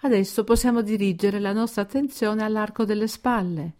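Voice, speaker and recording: Mellow woman guiding progressive muscle relaxation. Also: medium pitch. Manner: calm, measured instructions with deliberate pauses. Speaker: relaxation guide. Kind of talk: guided progressive muscle relaxation, scripted narration.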